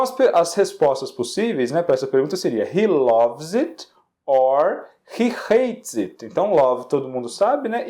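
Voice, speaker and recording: A man with a Brazilian Portuguese accent teaching English in a video lesson, saying English examples slowly and explaining quickly in Portuguese, often checking in with "ok?". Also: on the high side, darkish tone. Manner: checks in with frequent "ok?".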